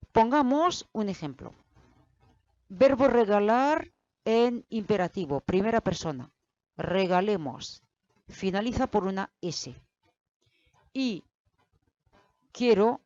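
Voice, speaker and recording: A woman teaching a grammar lesson, explaining slowly and deliberately and speaking straight to the learner. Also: medium pitch, darkish tone, dry recording. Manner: slow, deliberate explaining, addressing the learner directly. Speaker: Spanish teacher. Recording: dull, lo-fi, dry sound.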